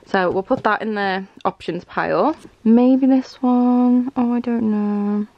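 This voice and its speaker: Recorded in a small furnished room at home, this book vlogger in her 20s talks casually and slowly, musing aloud as she rambles and wavers. Her voice sits a little high, and the lo-fi audio has no echo.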